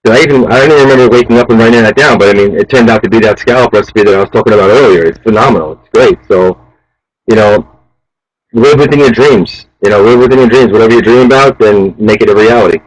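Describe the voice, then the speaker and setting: Fast-talking low-voiced man giving pep talk. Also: poor audio. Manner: fast, animated, motivational, says "man" a lot. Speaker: interview guest, chef. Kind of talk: casual interview talk.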